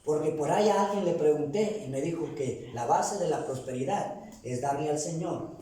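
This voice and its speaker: A man's voice: fairly high pitch, moderate pace, mellow. A man preaching a sermon as pastor, asking his congregation questions and drawing amens in a church. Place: church hall. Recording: echoey room, mic far off.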